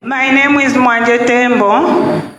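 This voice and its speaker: Slow, halting woman from Zambia. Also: a little high, fairly even intonation, fairly bright tone, slight background noise. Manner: halting, simple phrases. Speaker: testifier. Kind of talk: testimony. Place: large church hall. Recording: echoey church hall.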